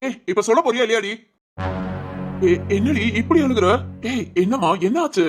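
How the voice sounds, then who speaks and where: A man voicing a young husband in an animated family story, who nags with quick questions and then coaxes gently. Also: extremely high pitch, over music. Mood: worried. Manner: quick, bossy questioning that turns coaxing.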